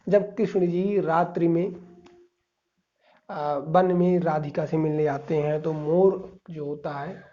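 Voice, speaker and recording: A man's voice: fairly high pitch, warm tone, lo-fi sound. A male teacher giving an exam-prep grammar lesson, explaining step by step and reciting verse examples.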